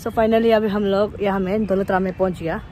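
A woman's voice: mid-range voice, steady tone, brisk, music in the background. A young woman, a college student, chatting casually to her phone camera while moving through city streets, laughing often. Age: young adult. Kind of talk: casual vlog narration. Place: outdoors on busy city streets, auto-rickshaw and metro station. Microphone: phone camera at arm's length, no external mic. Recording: noisy street phone recording. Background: traffic and street noise.

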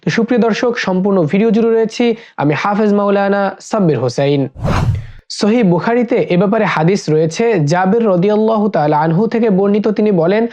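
A man from Bangladesh teaching prayer recitation, repeating each phrase slowly and chanting the Arabic lines melodically. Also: high-pitched, a little mellow. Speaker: religious teacher. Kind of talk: Quran-style recitation lesson. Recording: slightly dull lo-fi recording.

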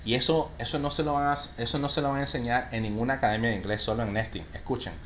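Upbeat bilingual teacher, quick praise for students, faint noise behind. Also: male voice, medium pitch. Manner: lively, mixes Spanish and English, praises students often. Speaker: English teacher for call center agents. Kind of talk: live online class, reading out student answers.

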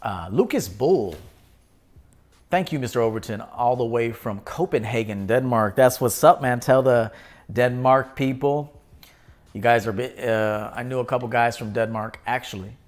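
Speaking at a moderate pace with medium pitch, a man in his thirties runs a live stream out of a small indoor studio. He casually works through viewer comments, easygoing as he names individual viewers.

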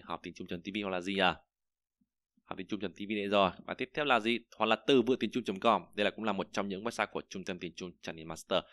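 A Vietnamese man leads an online pronunciation lesson, his low, smooth voice recorded close and dry. He walks through the lesson casually with many fillers, then repeats drill syllables loudly and steadily. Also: no echo. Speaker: Chinese language teacher. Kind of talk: online lesson with screen walkthrough.

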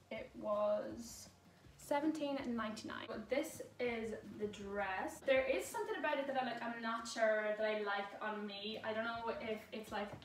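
A chatty young woman talks through her new clothes in a relaxed, rambling way, peppering her sentences with "like". Her voice sits a little high and carries a roomy echo, as if she is standing away from the camera mic. A faint background noise runs underneath. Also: distant mic. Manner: chatty, frequent "like" fillers. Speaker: fashion vlogger. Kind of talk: casual try-on haul chat.

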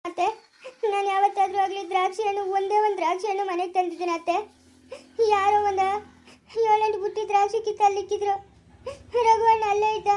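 Brief: a woman as a wronged young orphan girl, very high crying voice. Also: darkish tone. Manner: tearful, pleading. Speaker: young farm worker. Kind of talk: amateur family drama acting.

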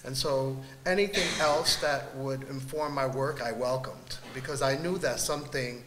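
A middle-aged man speaking on an art panel, reflective and halting with many pauses, gesturing as he talks into a table mic. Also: mid-range voice, fairly bright tone. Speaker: panelist artist. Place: large gallery room with audience. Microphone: table mic on stand. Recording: echoey gallery room, faint noise.

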